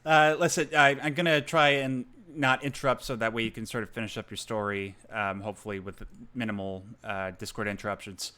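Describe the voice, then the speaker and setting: A man's voice: on the low side, steady tone, a little fast, hardly any pauses, bright, forceful tone. A man hosting a podcast, talking casually and encouragingly to a guest. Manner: encouraging, supportive. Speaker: podcast host. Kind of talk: casual chat.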